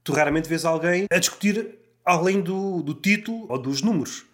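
A man with a European Portuguese accent, speaking reflectively and in measured terms in a podcast chat, often citing writers. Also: high-pitched. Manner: reflective, measured, fond of quotations.

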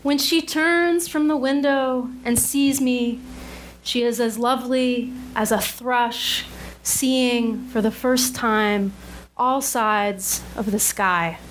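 A woman reads a poem at a live reading, her voice a little high. She takes the lines slowly and gently, lingering over the images. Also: steady tone, slight background noise, rough recording.

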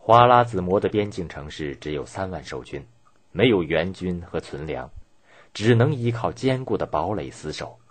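A man delivers scripted documentary narration in a low register. His voice has a husky grain, and his intonation rises and falls widely as he tells the story in a measured, dramatic way. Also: expressive.

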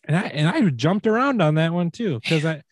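A man's voice: fairly high pitch, sing-song, brisk, no echo. Laughing man hosting a podcast game. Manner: laughing, loose, self-deprecating. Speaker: podcast host running a game. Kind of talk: casual chat.

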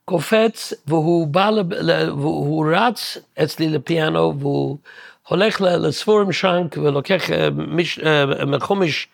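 A man, guest composer, telling a story in a halting way, often searching for words and restarting. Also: a little high, creaky, no room sound, clean studio sound. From Williamsburg, New York. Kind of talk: casual storytelling interview.

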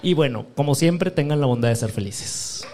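A man with a Mexican accent co-hosting a podcast, teasing the others with quick comebacks. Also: medium pitch, lively intonation. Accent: Mexican Spanish. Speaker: podcast co-host. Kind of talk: casual podcast banter. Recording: noticeable background noise.

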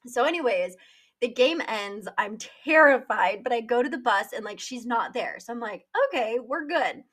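A woman's voice: fairly high pitch, moderate pace, fairly bright tone. A woman hosting a podcast, telling a personal story in a casual, candid way, swearing freely with plenty of fillers. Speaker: podcast host.

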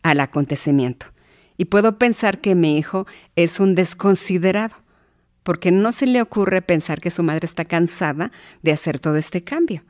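A woman's voice: fairly low pitch, expressive, moderate pace, darkish tone. A woman giving a talk on emotions in parenting, speaking conversationally with frequent rhetorical questions. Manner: conversational, asks rhetorical questions, acts out her own thoughts.

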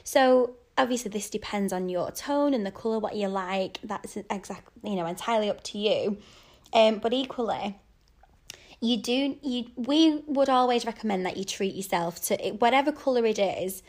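A woman in her own voice, a wedding makeup artist co-hosting a podcast, chatting and giving practical tips with a slightly croaky voice. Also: medium pitch, moderate pace, a little mellow. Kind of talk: casual podcast chat.

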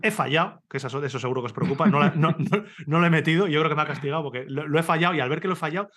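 A man from Spain, a podcast host, telling a comic story in casual chat, animated and laughing, swearing freely. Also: on the high side, rapid-fire. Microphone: video call.

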